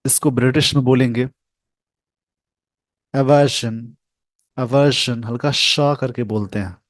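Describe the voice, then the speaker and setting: A man teaching English pronunciation over a screen share, speaking slowly and carefully and repeating sounds for his learners. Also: mid-range voice, fairly bright tone, no room sound.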